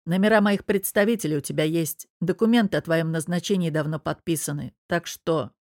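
A woman reading the curt, commanding lines of a stern male friend in an audiobook, in a low voice. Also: fairly quick, darkish tone, dry recording, clean studio sound. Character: stern, blunt male friend, middle-aged businessman.

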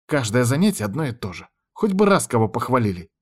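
A man's voice: mid-range voice, big pitch swings, fast, darkish tone, breathy edge. A man voicing a young woman training as a spy, who speaks bluntly and in earnest. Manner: blunt, matter-of-fact.

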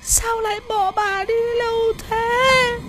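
A man voicing a possessed, frail old grandmother who wails in a slow, drawn-out, mournful way. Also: very high voice, fairly even intonation, sharp tone, soft background music, voice pushed up, heavily acted. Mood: eerie wailing.

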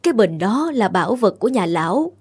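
A frightened young cook speaks in a trembling, hushed voice, as a woman acts her out. Her tone is breathy and kind in this ghost-story reading. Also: mid-range voice, sing-song, fairly quick. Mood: urgent hushed.

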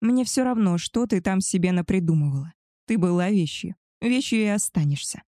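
A woman's voice: medium pitch, normal speed, dark tone, no echo, studio quality, natural voice. A woman voicing an arrogant, spoiled young she-wolf woman who talks down to others in a haughty, contemptuous way. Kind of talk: audiobook character voice.

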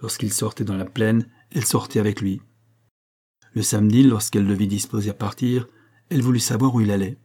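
A man narrating a nineteenth-century novel as an audiobook in a measured, even storytelling manner. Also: on the low side, slightly rough. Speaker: audiobook reader.

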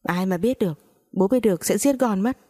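A woman's voice: medium pitch, fairly quick, warm tone, close to an everyday voice. A woman reading a stressed, spoiled young husband. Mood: irritable. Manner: irritable and complaining.

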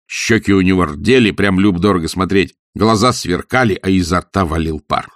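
A man narrating a story with expressive storytelling. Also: low-pitched, normal speed, dry recording, clean studio sound. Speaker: audiobook narrator. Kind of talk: scripted narration.

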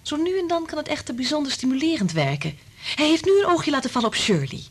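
An actress playing an anguished, bitter wife in a radio drama speaks with intense, confiding emotion, her breathy, husky voice dipping into whispers. She pitches it high, with a sing-song lilt and quick pace.

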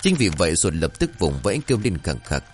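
A man narrating a scripted horror-comedy story in a lively, dramatic way. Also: low voice, fast, a little hiss or hum.

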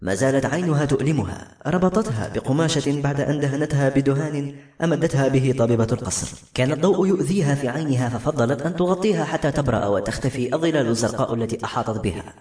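A man narrating a novel in a brisk storytelling manner. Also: mid-range voice, a little mellow. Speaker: audiobook narrator. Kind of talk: scripted narration. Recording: roomy echo, faint music.

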